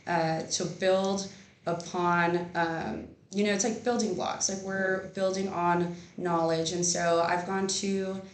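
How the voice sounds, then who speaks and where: A woman's voice: fairly low pitch, steady tone, takes it slowly. A young woman from Texas, a newly licensed attorney, talking earnestly with many fillers in a casual interview. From Rio Grande Valley, Texas. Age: young adult. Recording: echoey room with faint noise.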